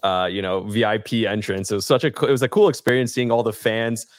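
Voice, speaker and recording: A man's voice: lowish voice, steady tone, fast, no room sound, studio quality. A man hosting a sports podcast, ranting heatedly and swearing in frustration. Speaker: podcast host.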